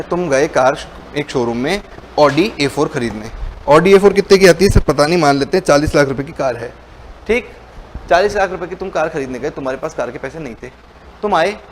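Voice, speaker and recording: A man with a fairly high voice teaches a commerce lesson. He plays both sides of the exchange, asking himself questions as the student and then answering them. A faint noise sits behind his voice. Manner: colloquial, mixes Hindi with English terms. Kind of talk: lecture with role-played dialogue.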